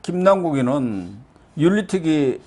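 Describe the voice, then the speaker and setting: A man's voice: a little high, big pitch swings, measured pace, dark tone. A man hosting a political talk show, leading the chat with conversational questions and agreement.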